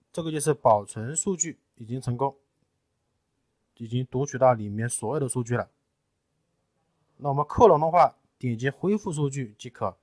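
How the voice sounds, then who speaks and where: A man in a technical tutorial, explaining each step patiently and often pausing with fillers. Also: mid-range voice, dry recording. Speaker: tutorial presenter. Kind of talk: screen-recorded technical tutorial.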